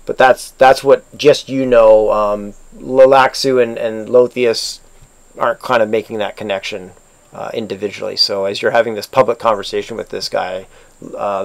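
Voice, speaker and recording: A man with a Canadian accent narrating a tabletop game as game master, halting and full of restarts. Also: on the low side, steady tone, gravelly. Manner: halting, lots of fillers and restarts.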